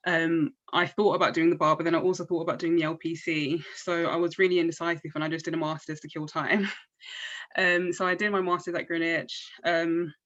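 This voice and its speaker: Bright-voiced young woman on a call. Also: low voice, muffled recording. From South East London. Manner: chatty, frequent ums, self-deprecating. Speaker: pupil barrister, panel guest. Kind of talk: casual talk on an online panel.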